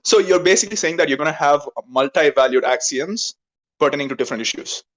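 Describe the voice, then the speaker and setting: A man's voice: fairly high pitch, fast talker, a bit bright, poor audio. A man debating in an online voice chat, insistent, leaning on "right?" tags and formal logic terms.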